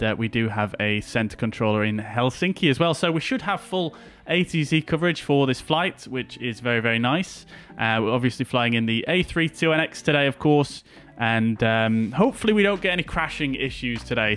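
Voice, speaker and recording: A man's voice: mid-range voice, a bit bright. A man streaming a flight sim over a headset mic, chatting casually and greeting viewers by name with plenty of filler words. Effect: livestream headset mic audio. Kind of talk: casual livestream chat.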